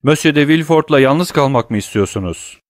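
A man reading the part of a desperate young lover who presses and pleads, his voice lifted a little higher and louder than plain narration. He sounds grieving and urgent, like a storybook hero at his breaking point, recorded dry and close. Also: lively intonation, fairly quick, dry recording, lightly acted. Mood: pleading.

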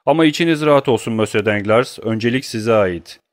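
A man's voice: mid-range voice, fairly quick, no echo, clean studio sound, close to an everyday voice. A man reading an audiobook who voices a cold, grimly furious young nobleman, talking in clipped, menacing tones.

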